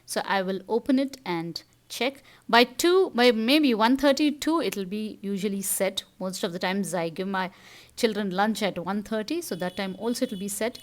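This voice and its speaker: A woman's voice: medium pitch, lively intonation, normal speed. Tamil-accented Indian woman giving household tips. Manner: instructive, step-by-step explaining. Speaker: home-tips vlog host. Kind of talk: casual how-to narration.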